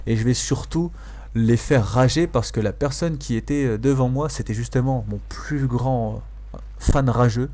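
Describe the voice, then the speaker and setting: A man's voice: mid-range voice, moderate pace, dark tone. A man giving casual, amused gameplay commentary as a video host, hesitating and repeating phrases for emphasis. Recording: faint noise, game sounds behind.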